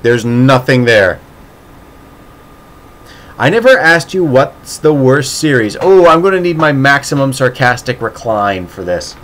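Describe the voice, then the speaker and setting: Man, casual streamer chat, sarcastic, playful, mock-dramatic, rambling restarts, mid-pitched voice. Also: lively intonation, unhurried, pauses often, a bit bright. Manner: rambling, with frequent restarts and laughs.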